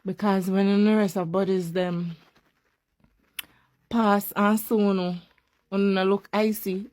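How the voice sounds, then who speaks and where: A woman's voice: mid-range voice, flat delivery, slow, darkish tone. A woman chatting casually in an amused, teasing way as she reacts to a video. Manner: amused, teasing, laughs often. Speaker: reaction commentator.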